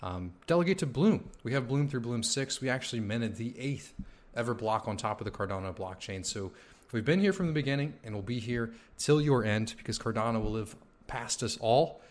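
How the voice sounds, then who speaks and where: A man hosting a casual podcast interview, loose and relaxed, leaning on lots of "you know"s, talking around a sore tooth. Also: mid-range voice, a little fast. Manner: relaxed, filler-heavy talk with many "you know"s. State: sore mouth from a tooth coming in. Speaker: podcast host.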